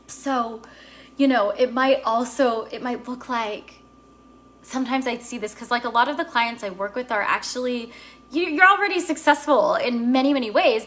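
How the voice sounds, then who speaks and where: Bright, earnest woman coaching actors. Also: a little high, a little hiss or hum. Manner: earnest, explanatory, with guided breathing. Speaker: acting career coach. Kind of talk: motivational teaching talk.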